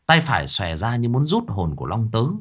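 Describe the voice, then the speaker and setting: A man narrating a ghost story in a dramatic, expressive way. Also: fairly low pitch, normal speed, breathy edge. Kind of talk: scripted narration.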